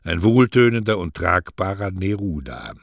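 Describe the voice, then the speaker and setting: A man narrating a novel in an expressive audiobook reading, on a close studio mic. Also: sits low, moderate pace, gravelly, no room sound. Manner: expressive storytelling.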